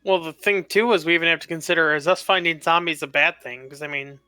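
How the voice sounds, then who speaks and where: A blunt, profane man chats casually as a player at a tabletop game. His voice is very bright and crisply clear, recorded dry and close. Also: on the high side, fairly even intonation, fast talker, dry recording, soft background music.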